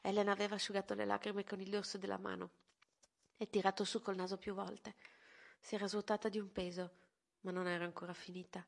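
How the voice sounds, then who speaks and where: Una donna che legge ad alta voce un romanzo, con una narrazione calma e misurata. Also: female voice, mid-range voice, brisk, creaky. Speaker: volunteer reader. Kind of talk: reading a novel aloud.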